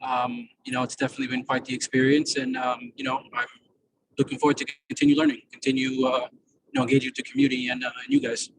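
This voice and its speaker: A man's voice: mid-range voice, little pitch movement, fast. A man on a speakerphone call from his car while driving, introducing himself to a board meeting, hesitant and full of fillers. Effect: speakerphone call from a moving car. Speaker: community board member. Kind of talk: casual video-meeting introduction. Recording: distant noisy car speakerphone.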